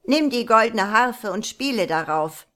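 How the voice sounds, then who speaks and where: A woman voicing an angry, greedy male troll in a read-aloud folk tale, raising her voice to shout. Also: on the high side, expressive, measured pace. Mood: scolding. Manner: loud, shouting accusations.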